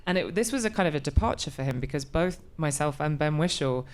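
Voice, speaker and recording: Low-voiced woman, thoughtful and halting. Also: expressive. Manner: thoughtful, searching for words, many restarts. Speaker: actor, interview guest. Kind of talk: conversational interview.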